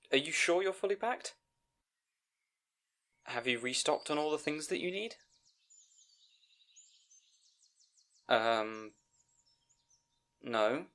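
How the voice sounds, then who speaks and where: In an audio roleplay, a man with a mid-range, slightly bright voice plays a timid, bookish young scribe. He addresses the listener anxiously and hesitantly, stammering as he speaks, and comes across as flustered but eager.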